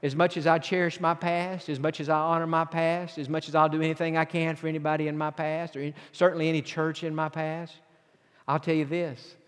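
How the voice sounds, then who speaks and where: A man's voice: fairly high pitch, little pitch movement, a little fast, clear, resonant tone. A man preaching a sermon as pastor, earnest and repeating phrases for emphasis. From southern United States. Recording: long hall reverb.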